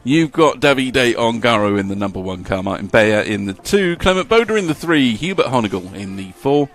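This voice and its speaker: A man doing live race commentary, chatty and jokey as he reads out lap times. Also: on the low side.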